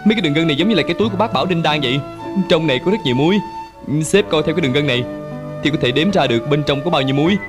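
Cocky ex-con guy just out of jail, man dubbing him, fast highish voice. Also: lively intonation, over music, lightly acted. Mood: explaining. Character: cocky young male ex-convict just out of jail. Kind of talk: film dub.

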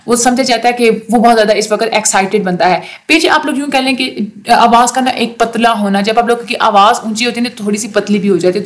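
Woman tutor, fairly high voice, rapid chatty exam-prep lecturing. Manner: fast talker with many fillers.

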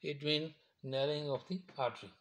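Man slowly explaining medical terms. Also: a little high, steady tone, fairly bright tone. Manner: slow, repetitive, explains step by step. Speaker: teacher. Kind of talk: medical terminology lecture.

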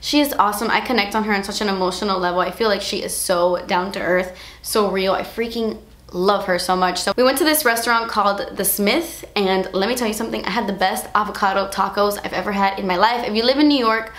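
A woman's voice: mid-range voice, fast talker, a bit bright. A young woman vlogging in casual, emotional chat, saying "like" a lot. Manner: chatty and emotional, heavy use of "like". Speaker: beauty vlogger. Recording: roomy echo.

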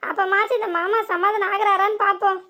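A woman's voice: very high voice, little pitch movement, fairly quick, over music. A woman voicing a nervous young village daughter-in-law with a southern Tamil Nadu accent, muttering worried asides to herself. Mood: fretful.

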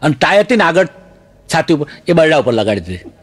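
Sex: man. Role: comedian. Style: stand-up joke telling. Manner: animated, laughs along with his own lines. Pitch: high for a man. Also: brisk, slightly rough. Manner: animated, laughs through his punchlines, mixes in English phrases.

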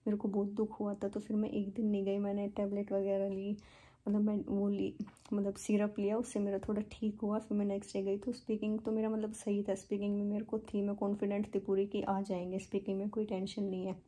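A woman's voice: mid-range voice, monotone, a little fast, mellow. A young woman from India telling a casual, chatty vlog story, with many fillers and English words mixed into her speech. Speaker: vlogger.

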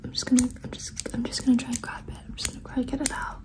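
A woman doing a whispered role-play in fast ASMR whispering, repeating short phrases rapidly in a soothing, reassuring way. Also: fairly high pitch, little pitch movement. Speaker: ASMR performer.

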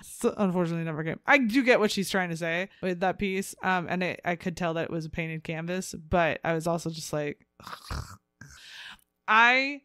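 A woman co-hosting a casual podcast, speaking her mind with blunt opinions and frequent laughs. Her voice is smooth and clear, set at a middling pitch. The sound is close and dry. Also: normal speed, fairly bright tone, no echo. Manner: candid and opinionated, laughs often. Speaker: podcast co-host. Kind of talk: casual chat.

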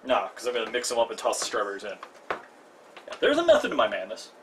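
A man's voice: medium pitch, huge pitch swings, fast talker, fairly bright tone. A young man hosting a live cooking stream in his home kitchen, chatty and self-mocking with jokey asides. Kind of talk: casual live cooking demo. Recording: distant mic, noisy kitchen.

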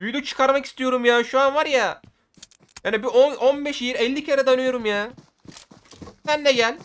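A man giving excitable gameplay commentary for his video, often shouting at the game and using casual slang. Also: very high voice, moderate pace, clear, resonant tone. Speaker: gaming video creator.

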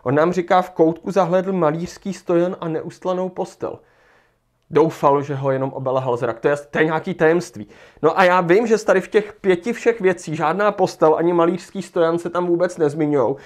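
Man teaching, thinking aloud. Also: on the high side. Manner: thinks aloud, rereads passages, many fillers. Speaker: Czech language teacher. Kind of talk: livestream lesson walking through an exam.

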